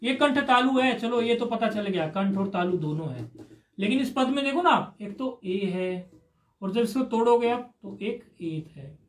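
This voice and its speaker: A man's voice: extremely high pitch, lively intonation, moderate pace. A man teaching Sanskrit grammar in a live class, explaining patiently step by step and asking his students questions. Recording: roomy echoey room.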